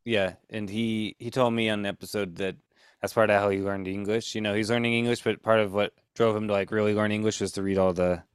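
Male podcast host, low voice, smooth and clear, dry close sound, rambling casual chat. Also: little pitch movement, fast talker, no room sound. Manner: rambling, full of "like" and "you know".

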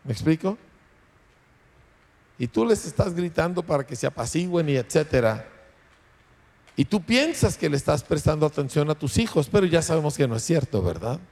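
Pastor preaching in a reverberant hall. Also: male voice, on the high side, sing-song, moderate pace, vocal fry, pauses often, darkish tone. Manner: conversational preaching with frequent rhetorical "¿verdad?". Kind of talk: sermon.

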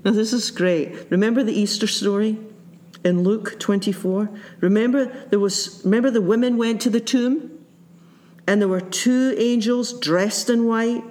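A man's voice: high-pitched, fairly even intonation, normal speed, a little mellow. Guy giving a sermon, thoughtful, says the big points twice. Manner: reflective, repeats key phrases, acts out quoted voices. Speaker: pastor.

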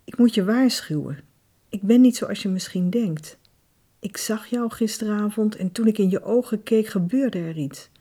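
A woman's voice: mid-range voice, normal speed, warm tone, lightly acted. A woman voicing a passionate married woman in love in an audiobook, earnest and urgent. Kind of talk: audiobook character voice.

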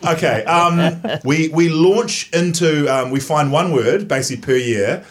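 A man's voice: a little high, a little slow. A man with a broad New Zealand accent chats casually as a joking host, blokey, sweary and self-deprecating. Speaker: host and stand-up comedian.

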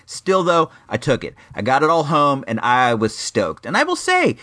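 A man's voice: on the high side, wildly swooping pitch, normal speed, pushed and bright. A middle-aged man hosting a vintage toy show in a rambling, slangy, casual way with wry asides. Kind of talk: casual chatty retro toy review.

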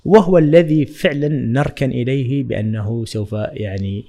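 A man, a writing trainer speaking as a podcast guest in a measured, reflective way with frequent hesitations. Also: mid-range voice, creaky, warm tone. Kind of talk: podcast interview.

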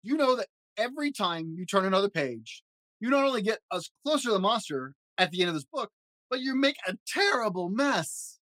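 Dad doing a squeaky nervous furry monster, begging and fussing, voice bounces way up and down. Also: male voice, very animated, fast talker, fairly bright tone, no echo. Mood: exasperated. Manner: fretful, begging, dramatic exclamations. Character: lovable furry blue male monster, nervous and pleading. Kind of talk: storybook reading.

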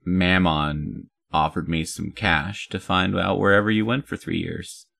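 A man's voice: deep voice, steady tone, measured pace, creaky, bright, forceful tone, heavily acted. A man reading the lines of a sly female demon who shifts shapes, in a guarded, curt manner.

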